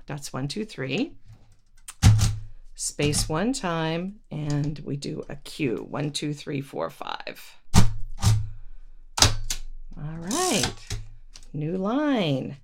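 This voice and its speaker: A woman giving a step-by-step instructional lesson, counting aloud in a patient, halting way and correcting herself as she goes. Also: low voice. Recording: noisy recording with paper rustle and clicks. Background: paper rustling and clicks.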